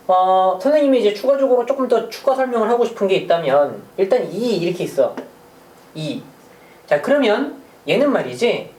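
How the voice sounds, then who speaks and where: Math teacher for an online lecture, animated rise and fall, a touch off-mic in an echoey room. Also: mid-range voice. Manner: chatty, asks rhetorical questions, small jokes. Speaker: middle school math teacher. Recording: roomy sound from a distant mic.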